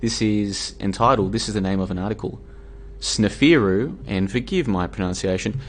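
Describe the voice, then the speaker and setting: At a normal pace, a tired Australian livestream host argues casually with himself in a home room, stumbling through fillers and false starts. His pitch sits on the low side, and a slight hiss runs under the recording.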